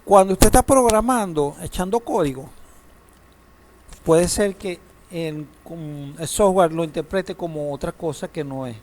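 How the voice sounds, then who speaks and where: A man with a somewhat high, slightly mellow voice lectures unhurriedly in a classroom on databases. He quizzes his students and slips in a joke now and then.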